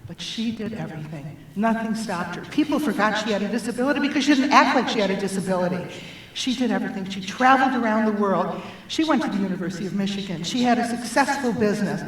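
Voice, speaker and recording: A woman's voice: medium pitch, fast. A woman in her seventies, a guest speaker and life coach, telling humorous personal stories in a church sanctuary. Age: 70s. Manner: humorous, lively storyteller with punchlines. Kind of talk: personal storytelling talk. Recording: very echoey hall, voice from far off, faint noise.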